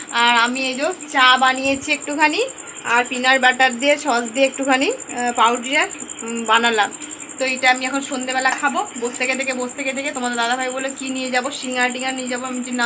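A woman's voice: high voice, noisy background. A young woman chatting casually to her viewers at home in a daily vlog, cooing now and then at her baby daughter. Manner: whispers while the baby sleeps. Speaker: vlogger.

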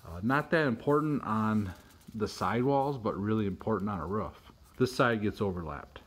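A man's voice: fairly low pitch, lively intonation, normal speed, slightly rough. A middle-aged man in a pole barn workshop, plainly explaining how he puts up steel siding, step by step, with small restarts. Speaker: homestead video host. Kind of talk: casual how-to narration.

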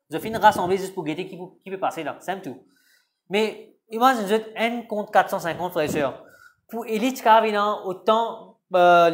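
A man's voice: fairly high pitch, slight background noise. Man preaching. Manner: preaching with repeated calls of "Gloire à Dieu" and "Amen". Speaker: pastor. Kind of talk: sermon.

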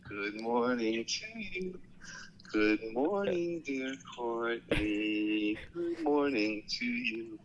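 A man's voice: medium pitch, lively intonation, drawn-out words. A middle-aged father with a dry, laid-back, teasing manner, heard on speakerphone during a call. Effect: heard over speakerphone. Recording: muffled phone speaker with faint ambience.

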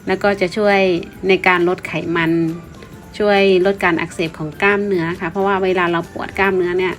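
A woman from Thailand speaks in a medium-pitched voice with music behind her. She explains things informally in a polite vlog style, now and then repeating a word. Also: flat delivery, fairly quick. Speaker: vlogger.

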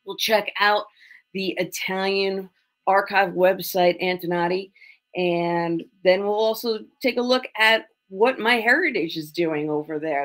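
This is a forty-year-old woman with a New York accent, talking in a slightly low voice. She is an upbeat, chatty genealogist presenting a webinar over a video call. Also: fairly bright tone. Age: 40s. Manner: upbeat, chatty, self-deprecating. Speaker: genealogist guest.

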